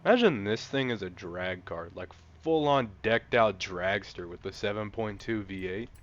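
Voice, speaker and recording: A young man giving casual, rambling gameplay commentary, an excitable car enthusiast talking through a car he's trying out. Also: fairly low pitch, moderate pace, highs cut off. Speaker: gaming channel host.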